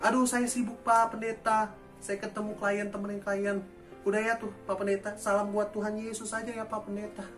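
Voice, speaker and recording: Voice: medium pitch, flat delivery, moderate pace, a bit bright, far from the mic, soft background music, voice pushed up, natural voice. A preacher mimicking a breezy churchgoer. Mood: dismissive. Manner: breezy, dismissive excuses. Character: busy churchgoer brushing off the pastor.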